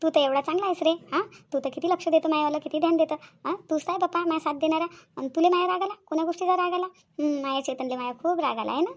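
A woman's voice: high-pitched, quick pace, natural voice. A woman voicing a young cartoon woman who sweet-talks and pleads with her lover, with a Vidarbha Marathi accent. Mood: coaxing. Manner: wheedling, sweet-talking. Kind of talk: cartoon voice acting.

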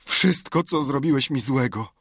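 Give me a man playing a melodramatic boy groaning in bed, voice pushed high and husky. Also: takes it slowly, a bit bright, no room sound, studio quality. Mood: self-pitying.

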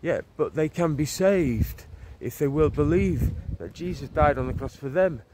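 Preaching as he walks a leafy street and park, a street preacher in his forties speaks into a phone held at arm's length at normal speed. His voice is fairly high, animated and dark in tone, earnest yet rambling, with many restarts and "you know"s. Cars pass and faint street noise lingers.

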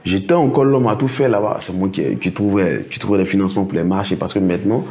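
Deep, fast and dark-toned, this middle-aged man's voice belongs to a project financing consultant appearing as a guest in a relaxed interview. He recounts stories, voicing the words others said to him.

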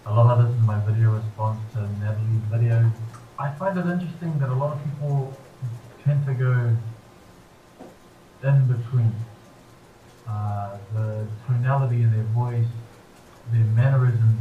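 Animated man on a tinny, phone-like recording. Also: medium pitch, normal speed, reverberant, recorded from a distance, slight background noise. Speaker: student. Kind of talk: video response.

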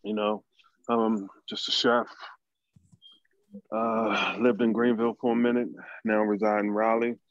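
A man's voice: fairly low pitch, flat delivery, a little slow, long pauses, no echo. An American man talking casually to a group on a video call with dull audio. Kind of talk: casual introduction.

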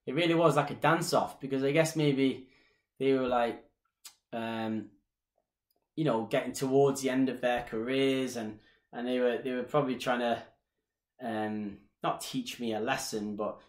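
On a live stream from home, a dance instructor in his thirties takes viewer questions in his small living room. His voice is mid-range with a Mancunian Irish accent, and his manner is casual and chatty, with lots of gestures. Sound comes through a webcam at desk distance and is roomy.

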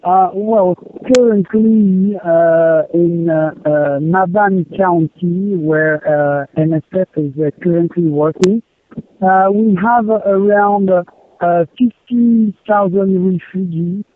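An aid field coordinator answers interview questions over a distorted satellite phone line, his voice high and set against slight background noise. He sounds hesitant, pausing often and using many filler sounds.

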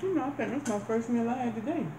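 A woman's voice: a little high, animated, quick pace. A woman hosting a casual mukbang chat, talking folksy and chatty with her mouth full, chewing. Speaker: host. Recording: roomy with background noise.

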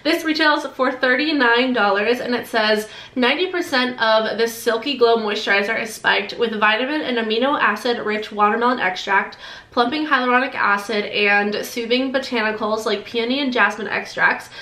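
A young woman beauty vlogger does a casual product unboxing to camera from a decorated bedroom, bubbly and gushing with quick asides. She has a sore throat and is congested, so her fairly high, bright voice sounds nasal, and the room is echoey.

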